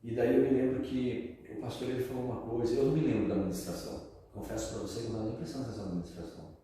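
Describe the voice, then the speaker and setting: A man's voice: medium pitch, steady tone, rapid-fire, dark tone, a little hiss or hum. A man with a Brazilian Portuguese accent telling his personal testimony in a casual, slangy way, full of fillers. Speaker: testimony speaker. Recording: echoey hall from far off.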